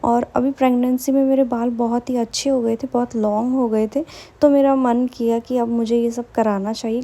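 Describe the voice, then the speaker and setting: A woman's voice: on the high side, warm tone. A young woman, chatting enthusiastically in a casual vlog voice-over. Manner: chatty, enthusiastic, repeats "matlab" and "bahut hi". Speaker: vlogger.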